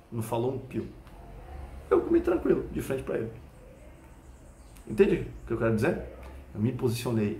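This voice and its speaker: A Brazilian man, a Krav Maga instructor, explaining a point through an animated personal story and often checking whether the listener follows. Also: medium pitch, a little hiss or hum. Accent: Brazilian Portuguese. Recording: echoey room.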